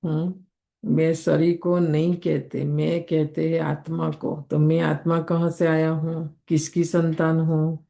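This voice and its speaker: A woman's voice: low voice, flat delivery, takes it slowly, gravelly, warm tone. A woman teaching a daily spiritual lesson in a conversational way, often checking in with her listeners. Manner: conversational, keeps asking listeners "isn't it?".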